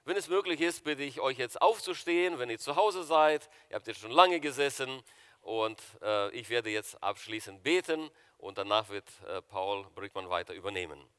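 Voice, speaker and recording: A man's voice: mid-range voice, animated, moderate pace, a bit bright, clear, resonant tone. A man preaching a sermon as pastor, with an emphatic, repetitive cadence. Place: church. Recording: long church reverb.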